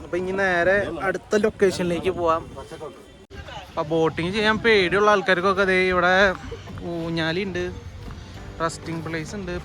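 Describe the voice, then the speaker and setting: A man's voice: sits high, steady tone, moderate pace, pauses often, bright, forceful tone, faint music behind. A man with a Malayali accent giving casual travel vlog commentary, dropping English words into his Malayalam. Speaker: travel vlogger.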